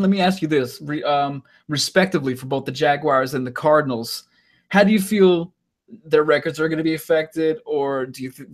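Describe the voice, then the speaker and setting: A man hosting a casual sports podcast, asking relaxed, rambling questions about the week's games. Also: fairly high pitch. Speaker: sports talk host.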